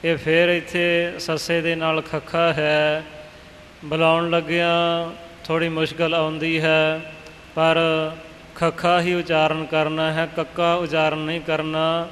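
Man patiently teaching recitation, flat tone. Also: a little high, takes it slowly, big-room sound, a little hiss or hum. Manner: patient, instructive, half-chanted. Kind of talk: explaining correct pronunciation.

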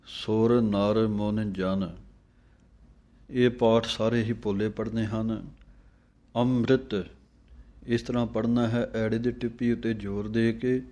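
A man teaching careful scripture recitation line by line, chanting each phrase slowly and then briefly explaining how to say it. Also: fairly low pitch, fairly even intonation, mellow. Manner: slow chanted lines, then quick spoken corrections.

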